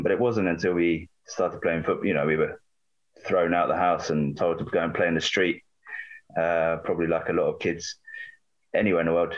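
A southern English man in his late thirties speaks in a very deep voice. He wanders off on tangents, restarts himself often and talks things through aloud. His voice comes over a dull, lo-fi remote line. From England. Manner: rambling, self-correcting, digressive. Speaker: author and guest. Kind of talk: remote interview chat.

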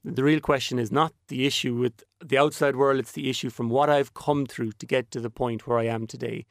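A man's voice: mid-range voice, steady tone, a little fast, gravelly, dry recording, studio quality. A man with a west of Ireland accent from Kerry, talking reflectively in a panel discussion, often repeating words as he thinks. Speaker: panel guest.

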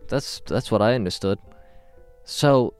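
A man, telling a rambling comic story on his podcast with deadpan asides. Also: fairly low pitch, measured pace, smooth, soft background music. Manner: rambling, self-interrupting and deadpan. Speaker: podcast host.

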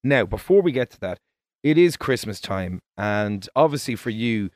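A man's voice: fairly low pitch, expressive, normal speed, no echo. A man with an Irish accent hosting a conversational radio interview in a chatty, complimentary way. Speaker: radio host.

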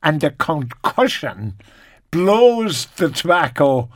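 A man's voice: fairly high pitch, sing-song, slow, no room sound. An older man with a Cork Irish accent, hosting a radio show in casual chat and reading out listeners' texts. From Ireland, Cork. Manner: chatty, reads out listener texts. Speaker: radio host. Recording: dry studio sound.

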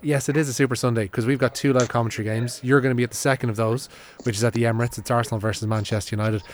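A man's voice: medium pitch, steady tone, racing. A man with a wry, colourful way of talking, discussing football casually as a studio pundit. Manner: wry, colourful turns of phrase. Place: radio studio. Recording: studio with faint background noise.

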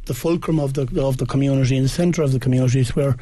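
A man's voice: medium pitch, fairly even intonation, very fast, dark tone, no echo. A man with a west of Ireland accent chatting casually as a sports panel guest, modest and a little hesitant. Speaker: sports guest, Gaelic football goalkeeper.

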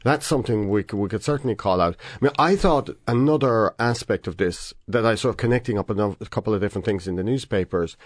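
A man's voice: on the low side, fast, few pauses, no echo, studio quality. A man from England, a panel guest who talks thoughtfully and hedges as he goes. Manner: thoughtful, hedging restarts. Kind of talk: casual panel discussion.

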